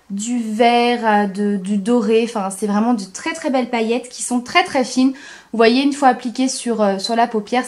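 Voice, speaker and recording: A young woman with a slightly high voice walks viewers through her eye makeup step by step. She gets enthusiastic, repeats words for emphasis, and fills pauses with hesitations as she works. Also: a little mellow. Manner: frequent hesitations with "euh". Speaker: beauty vlogger. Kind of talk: makeup tutorial.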